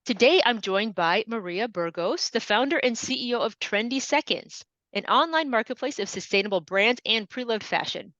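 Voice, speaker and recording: A woman's voice: fairly high pitch, lively intonation, moderate pace, few pauses, a bit bright, dry recording. A woman hosting a podcast, reading an upbeat intro and asking the guest questions. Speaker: podcast host. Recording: dry, dull lo-fi sound.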